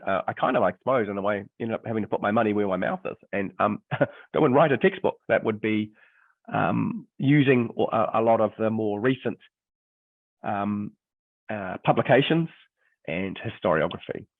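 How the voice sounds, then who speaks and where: During a webinar presentation, a middle-aged New Zealand history teacher and textbook author talks in a low voice made croaky and gravelly by illness. He hesitates often, with many ums and restarts, and the audio is dry, thin and echo-free, like a phone-line video call.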